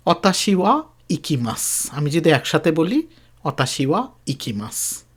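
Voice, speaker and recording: A Japanese teacher explains phrases patiently, repeating each example slowly with emphasis. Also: mid-range voice. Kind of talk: explanatory language lesson.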